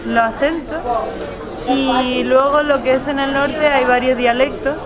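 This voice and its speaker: A young adult from central Spain with a central Peninsular Spanish accent, explaining things in a measured way in an interview. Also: high voice, steady tone. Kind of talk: casual interview. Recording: dull lo-fi audio, loud crowd. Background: crowd chatter.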